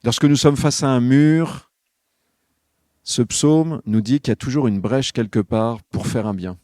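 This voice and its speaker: A man's voice: medium pitch, unhurried, mellow, no echo, clean studio sound. A man giving a reflective spoken homily for a podcast, talking with listeners directly in a conversational way. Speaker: podcast speaker on spiritual life.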